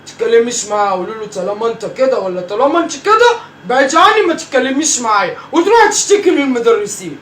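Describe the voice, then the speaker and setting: The performer's mid-range voice swings widely in pitch and moves quickly with few pauses, sounding a bit bright, as a teasing old Egyptian grandmother repeatedly scolding her grandchildren. This comic family sketch is in Egyptian Arabic, heard from a distance with roomy echo and faint noise.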